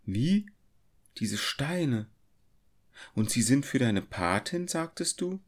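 A man's voice: low voice, measured pace. A man voicing a gracious noble countess who speaks kindly, reading a storybook aloud. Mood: astonished. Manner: friendly, kindly questioning.

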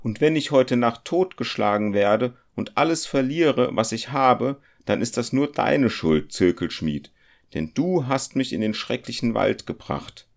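A man's voice: mid-range voice, expressive, unhurried, gravelly, pitched above the performer's own voice. A man doing a fearful young goldsmith, Felix. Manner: fearful, pleading, stubborn. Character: anxious young male goldsmith traveller.

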